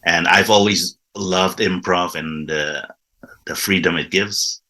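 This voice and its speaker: An Indonesian improv teacher, appearing as a guest, enthusiastically explains his format in a casual interview, often restarting words. He speaks slowly in a deep, bright, forceful voice with fairly even intonation.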